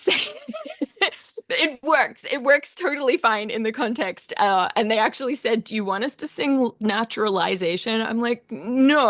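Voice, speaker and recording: A woman's voice: a little high, fairly bright tone, no echo, studio quality. A woman composer with an Australian accent, giving a casual, chatty talk to a choir with plenty of fillers and self-deprecating asides.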